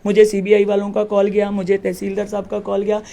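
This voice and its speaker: A woman's voice: mid-range voice, monotone, fairly quick, gravelly, dark tone. A woman who heads her village, recounting a confrontation with the police in an interview and acting out the dialogue emphatically. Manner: emphatic, acts out quoted dialogue. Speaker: village head.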